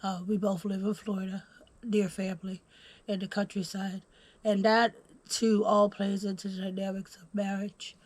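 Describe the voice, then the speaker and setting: A woman from Houston, Texas hosts a casual podcast conversation while a little under the weather. Her mid-range voice moves at normal speed, relaxed and full of ums and other fillers, as she reads from notes.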